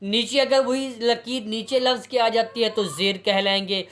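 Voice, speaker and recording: A man teaching a reading lesson, spelling letters and vowel marks out slowly and patiently, often asking a question and answering it himself. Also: very high voice, steady tone, a bit bright.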